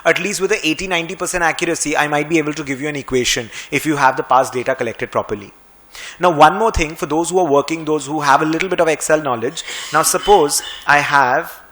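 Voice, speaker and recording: A man with an Indian English accent, a finance and Excel trainer talking through a screen-recorded software tutorial in a brisk, conversational way with a touch of sarcasm. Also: a little high.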